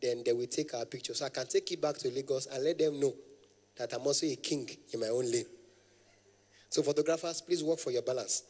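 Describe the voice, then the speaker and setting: A man's voice: medium pitch, brisk, a little mellow, in a large hall. A young adult man with a Nigerian accent, doing stand-up comedy as an event MC, playful and formal with the audience.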